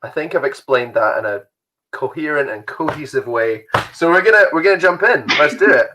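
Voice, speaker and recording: A man's voice: a little high, expressive, fairly quick, background noise. A young man hosting an online youth quiz from home, chatty and rambling, laughing often. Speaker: youth group host.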